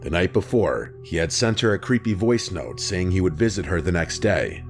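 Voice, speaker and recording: A man reading a scripted true-crime narration in an even, measured way, close to the mic. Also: deep voice. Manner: even, measured storytelling delivery. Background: music bed.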